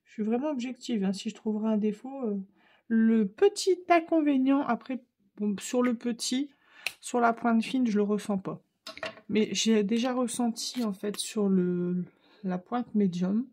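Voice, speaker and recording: A woman's voice: a little high, measured pace, warm tone, a little hiss or hum. A woman with a Ch'ti accent from northern France, chatting casually to viewers while she tries out art supplies. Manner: chatty, thinks aloud while painting. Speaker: craft channel host.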